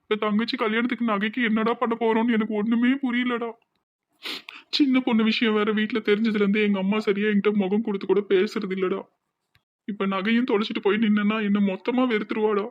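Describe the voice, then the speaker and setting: A tearful, anxious young village man with a Tirunelveli accent, as a man acts him out in a cartoon. He talks quickly in a high voice and keeps pleading. The sound is dull and dry. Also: level tone, no room sound, lightly acted. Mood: despairing. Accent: Tirunelveli Tamil.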